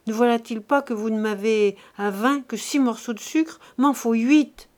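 A woman's voice: on the high side, steady tone, moderate pace, a little mellow, natural voice. A woman voicing a blunt, stubborn peasant servant woman who speaks her mind. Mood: insistent.

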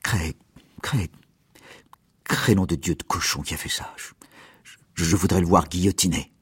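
A man's voice: sits low, unhurried, husky, heavily acted. Man doing Renardet, stammering enraged mayor. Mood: sobbing whisper. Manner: stammering, sobbing, then shouting. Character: grieving, furious village mayor, middle-aged man.

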